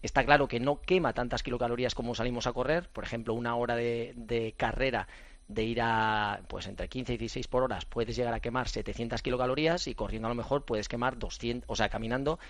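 A middle-aged man from Spain, a former athlete and running coach, chatting on a radio show in an animated, storytelling way with lots of fillers and restarts. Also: mid-range voice, quick pace, dry recording. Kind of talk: casual radio chat.

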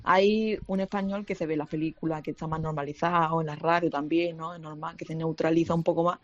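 A woman with an Andalusian accent, a Spanish teacher, explaining calmly in a radio panel talk. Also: low voice, fast talker, dull audio.

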